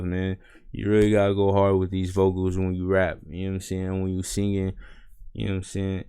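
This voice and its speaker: Man, low voice, smooth resonant tone, dry close mic, blunt music critique. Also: darkish tone, no room sound. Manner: blunt, straightforward, repeats "you know what I'm saying". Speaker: music reviewer, streamer. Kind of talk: casual spoken music critique.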